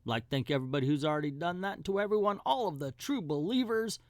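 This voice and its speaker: A man's voice: on the high side, animated, quick pace, no echo. A middle-aged man hosting a comic book review channel, giving a casual ranked countdown in a folksy, colloquial way with emphatic asides.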